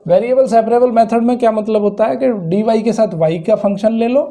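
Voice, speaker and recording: Male math tutor, high-pitched yet very mellow, patient step-by-step lecturing. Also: a little fast. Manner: explains step by step, asks and answers own questions. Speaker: math teacher. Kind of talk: classroom lecture.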